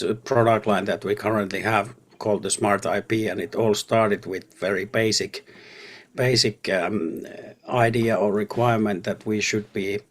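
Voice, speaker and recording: A man with a voice on the low side answers interview questions as an audio product specialist. He speaks haltingly and often repeats words.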